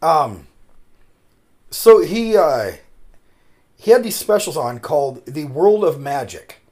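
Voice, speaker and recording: Slow and on the high side, this man's voice leads a casual podcast conversation in which he rambles, leans on filler words and stays animated.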